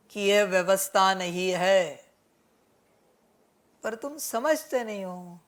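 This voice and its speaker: A woman delivering a spiritual sermon at an unhurried, measured pace, speaking to her listeners as children. Her voice sits at an ordinary middle pitch. She scolds them gently and circles back to the same points, dropping in English words now and then. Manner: mixes English words into Hindi. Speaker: spiritual teacher.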